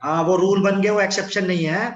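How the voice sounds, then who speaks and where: A man's voice: sits high, fairly even intonation, a little fast, muffled recording, a crowd in the background. A man teaching chemistry in an online class from his room, in a blunt, teasing manner. His voice echoes as if in a cave. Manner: blunt, teasing, scolds students. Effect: echoing voice, like in a cave. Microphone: no earphones, device mic.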